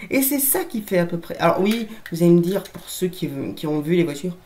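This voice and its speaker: A woman's voice: fairly low pitch, animated, a little fast, darkish tone, a little hiss or hum. A woman vlogger in a casual show-and-tell to camera, chatty and joking, talking to viewers as friends in a room at home. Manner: chatty, addresses viewers as friends, jokey asides. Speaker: toy collector vlogger. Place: room at home with a shelf of toys.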